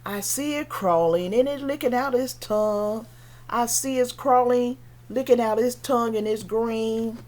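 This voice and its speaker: A woman teaching young children in a slow, sing-song way, with playful animal sounds. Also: a little high, darkish tone. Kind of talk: singalong children's lesson.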